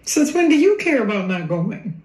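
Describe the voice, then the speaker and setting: A matter-of-fact caregiver. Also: female voice, a little high, very animated, moderate pace, darkish tone, reverberant, a little hiss or hum. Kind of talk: scripted drama clip.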